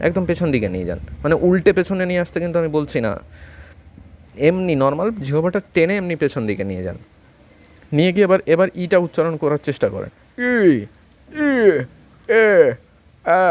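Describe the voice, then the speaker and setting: A man teaching an online phonetics lesson from home with a Bengali accent, speaking slowly and patiently and repeating vowel sounds for learners to copy. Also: fairly high pitch, a little mellow. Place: home during a storm.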